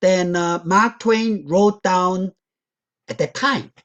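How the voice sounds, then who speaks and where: Woman guest lecturer with an unhurried delivery. Non-native English, explanatory teaching tone. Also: on the low side. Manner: slow, deliberate, non-native English with loose grammar; asks the audience frequent check questions. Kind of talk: academic lecture walking through slides.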